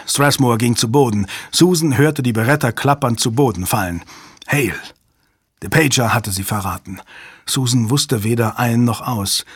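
Male thriller narrator, husky timbre, dry studio, tense delivery. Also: medium pitch, dry recording. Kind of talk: audiobook narration.

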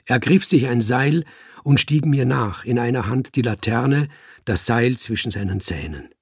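A man narrating a first-person story in a measured, vivid reading style. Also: medium pitch, husky, no room sound, studio quality.

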